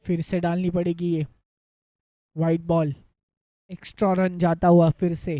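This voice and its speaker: Clear-voiced Hindi cricket commentator. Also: medium pitch, flat delivery, measured pace, mellow, dry recording. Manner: code-switches into English cricket terms.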